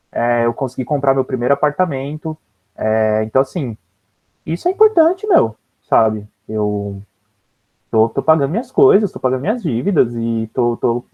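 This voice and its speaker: A Brazilian man speaks in a loose, rambling way, full of slangy fillers and restarts. His voice sits at an ordinary pitch. The audio is dull and lo-fi, like a video call. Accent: Brazilian Portuguese. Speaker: guest speaker. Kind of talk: casual discussion.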